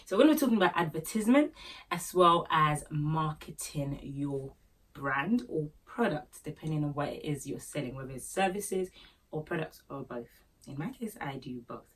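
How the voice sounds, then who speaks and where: A Nigerian small business owner and vlogger with a Yoruba accent chats casually to camera, sharing business tips with joking asides and fillers. Her voice sits low with lively intonation at normal speed, but the mic is distant and the audio poor.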